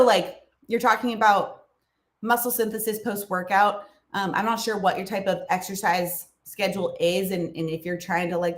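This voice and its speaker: A nutrition host takes questions on a livestream in an echoey room, her mid-range voice fairly bright. She keeps it casual with fillers and small laughs, but she sounds a bit froggy, clearing her throat and coughing along the way.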